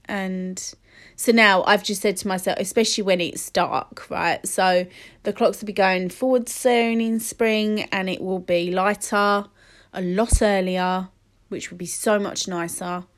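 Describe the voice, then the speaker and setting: A woman's voice: medium pitch, fairly even intonation, measured pace. A woman, chatting casually and rambling with many fillers while sniffly from a cold. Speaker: podcast host. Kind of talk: casual solo chat.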